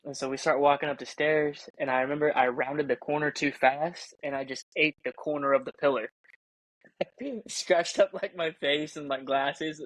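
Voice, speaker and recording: A man's voice: on the high side, moderate pace, dry recording, low-quality recording. A young man co-hosting a casual podcast, telling a rowdy story with swearing and laughter. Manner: laughing, profane, animated storytelling. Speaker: podcast co-host.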